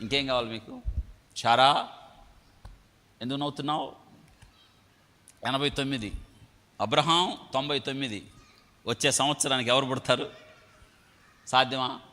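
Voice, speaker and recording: A man's voice: mid-range voice, normal speed, long pauses, sharp tone. A man preaching a sermon, emphatic, asking rhetorical questions and having the congregation repeat lines. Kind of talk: sermon with prayer. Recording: long hall reverb.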